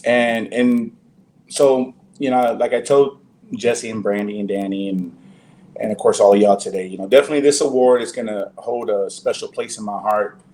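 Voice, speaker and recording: A man's voice: lowish voice, fairly even intonation, normal speed, darkish tone, a little hiss or hum. A man, an actor guest in a casual interview, talking loosely with many fillers and restarts.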